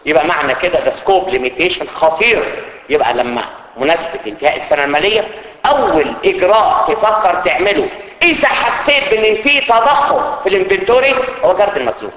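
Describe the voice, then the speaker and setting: A man's voice: high-pitched, expressive, quick pace, fairly bright tone. A man with an Egyptian Arabic accent teaching an internal audit course, joking with students and mixing English terms into his Arabic. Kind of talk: lively classroom lecture. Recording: echoey hall with faint ambience.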